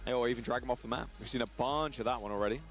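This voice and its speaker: Male co-caster, mid-pitched, casual and joking, faint music behind. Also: fairly bright tone. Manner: casual, laid-back and quick with jokes. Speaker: esports co-caster. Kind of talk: esports color commentary.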